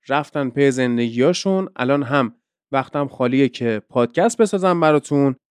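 Podcast host and teacher, male, light-pitched and smooth, dry close-mic delivery explaining examples. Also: darkish tone, no room sound.

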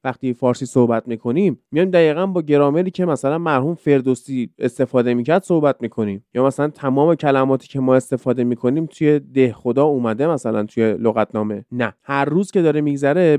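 A man's voice: medium pitch, dark tone, clear, resonant tone, no room sound. A man hosting a casual podcast lesson, explaining with many examples and rhetorical questions. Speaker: podcast host teaching English.

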